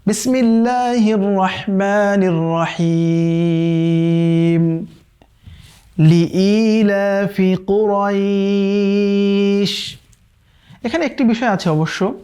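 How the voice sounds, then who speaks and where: Male tajweed teacher, brisk explainer, checks in with listeners constantly. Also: sits high, a little mellow. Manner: explains quickly, then recites verses slowly and drawn out; often checks in with listeners asking "okay?". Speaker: Quran recitation teacher. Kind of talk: online tajweed lesson.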